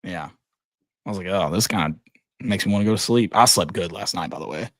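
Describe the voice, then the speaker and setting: A man's voice: low voice, fast talker, no room sound. Blunt joking man, dry close mic. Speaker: podcast co-host. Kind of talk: casual sports chat.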